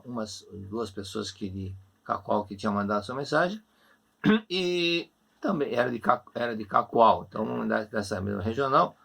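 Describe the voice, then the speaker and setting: Brazilian male lecturer, online class, warm repetitive counsel, raspy voice. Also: lowish voice. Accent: Brazilian Portuguese. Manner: gentle, repetitive, reassuring counsel. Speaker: religious lecturer. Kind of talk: online religious class answering questions.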